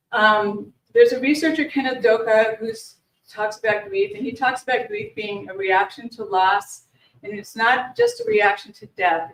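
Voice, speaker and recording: A woman leads a workshop in a conversational way, her pitch rising and falling freely as she restarts and repeats words. She speaks to a live audience in a meeting room. The mic sits far from her, so her voice carries room echo. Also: slight background noise. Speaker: grief educator leading a workshop. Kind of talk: informal workshop presentation. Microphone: distant room mic.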